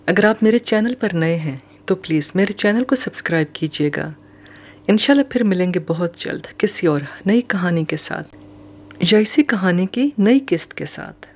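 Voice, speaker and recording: A woman reading a novel aloud as an audiobook narrator, with steady storytelling. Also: fairly low pitch.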